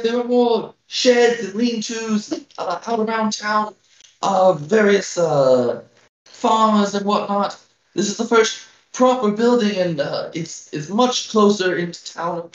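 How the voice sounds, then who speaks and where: A tiny, very old woman played by a man speaks as a worried, welcoming village elder in a tabletop game. The voice is lifted high, halting and pleading, heard a little off-mic in a roomy, dull recording. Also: recorded from a distance. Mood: grave, concerned. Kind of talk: in-character tabletop game role-play.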